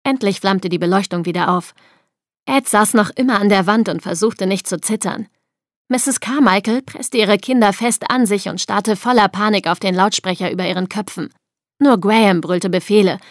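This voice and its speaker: Expressive woman narrating an audiobook. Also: mid-range voice, moderate pace, no echo, studio quality. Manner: expressive, acting out dialogue.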